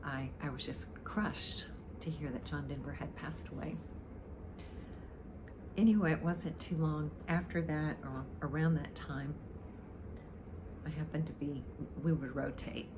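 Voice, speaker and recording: An older amateur guitarist, her voice low and her throat dry, introduces a song in casual chat to the camera from a living-room sofa, drifting through memories. She speaks at a measured pace with long pauses, and background noise is clearly audible.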